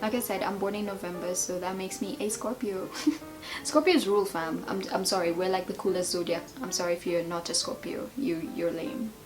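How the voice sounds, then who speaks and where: A woman's voice: on the low side, fairly even intonation, fairly quick, music in the background. A woman in her twenties chatting casually in a tag video, rambling and playful as she answers questions. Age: 20s. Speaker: beauty and lifestyle vlogger.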